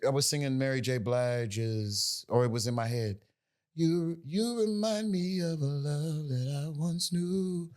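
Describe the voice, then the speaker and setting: Rambling American man telling a story. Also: on the low side. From United States. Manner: loose, rambling, lots of fillers and restarts. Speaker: guest, singer. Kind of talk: casual interview storytelling.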